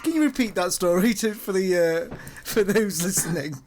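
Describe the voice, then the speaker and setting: A man's voice: sits high, expressive, moderate pace, darkish tone, a little hiss or hum. A man, co-hosting a podcast, who teases the others and laughs easily in casual chat. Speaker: podcast co-host.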